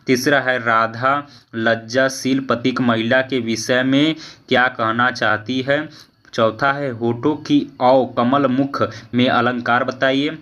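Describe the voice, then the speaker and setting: A male teacher works through an exam paper, reading each question aloud, slowing for the verse passages and often checking in with an "okay." His medium-pitched voice sounds pushed and bright, and the audio is dull and lo-fi.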